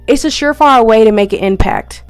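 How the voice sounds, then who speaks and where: A woman's voice: on the high side, fairly quick, faint music behind. A young woman vlogger sharing friendly, encouraging tips as a first-year scare actor, in a chatty, upbeat way. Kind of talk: friendly tips vlog, partly scripted.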